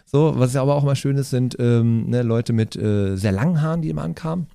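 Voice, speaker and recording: Lively storytelling man with a dark voice. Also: mid-range voice, fast, creaky, clean tone, no echo, studio quality. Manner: animated, many fillers, acts out voices. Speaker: guest, stand-up comedian and hairdresser. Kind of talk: comedic storytelling in conversation.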